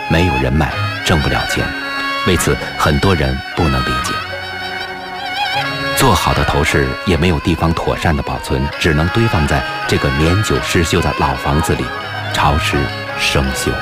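A man giving measured, solemn scripted narration for a documentary. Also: a bass voice. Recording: loud background music.

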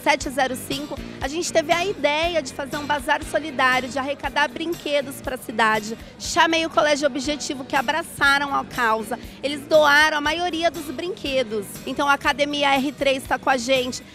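A woman's voice: high-pitched, normal speed, few pauses, sharp tone. A young woman, a digital influencer, casually explaining the event into a handheld mic, with music behind. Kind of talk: event interview.

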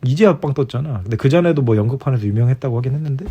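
Speaking rapid-fire and animated, a middle-aged man with a mellow, slightly rough medium-pitched voice rambles casually. It feels like a podcast host before bed, though it's a relaxed bedtime chat with his spouse, recorded at home in dull lo-fi quality.

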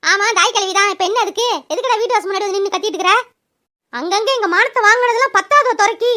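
A woman's voice: very high-pitched, fast, sharp tone, no echo, clean studio sound. A woman voicing an old village mother-in-law in a cartoon, scolding and sarcastic. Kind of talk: cartoon voice acting.

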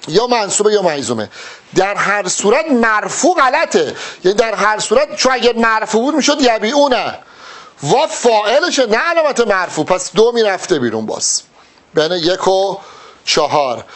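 A man teaching exam preparation, working through test answers in a lively, emphatic way and speaking straight to his students. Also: sits high. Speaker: exam-prep Arabic teacher. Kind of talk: test-solving lesson.

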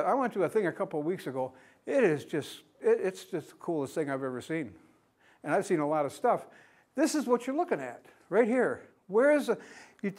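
A beekeeping speaker in his sixties from the United States gives a plain-spoken conference lecture in a classroom, putting questions to the audience along the way. His male voice sits high with a darkish tone.

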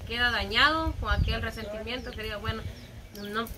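Fairly high-voiced woman speaking reflectively. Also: brisk. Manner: reflective, thoughtful. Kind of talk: casual chat. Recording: crowd noise behind.

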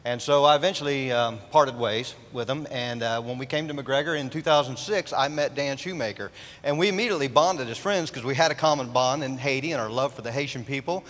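A middle-aged man speaking to the congregation from a large church stage, halting with many fillers. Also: mid-range voice, fairly bright tone. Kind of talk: church testimony. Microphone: handheld mic. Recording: long reverb of a large church.

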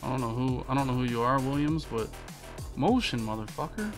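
A man's voice: medium pitch, big pitch swings, fairly quick, over music. An American man in his thirties doing live gameplay commentary as a streamer, with a frustrated, swearing manner. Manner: frustrated, profane griping. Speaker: video game streamer. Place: small indoor streaming room with monitors.

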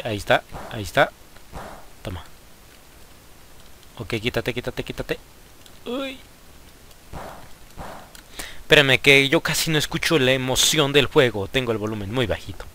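Excitable Mexican man playing a game. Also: medium pitch, a little slow, long pauses, slight background noise. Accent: Mexican Spanish. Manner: excitable, frequent exclamations at the game. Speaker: gaming youtuber. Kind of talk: casual let's play commentary.

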